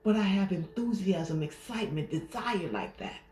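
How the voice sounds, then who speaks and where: A woman life coach giving a gentle, reflective affirmation talk, pausing often. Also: mid-range voice, animated. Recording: roomy echo.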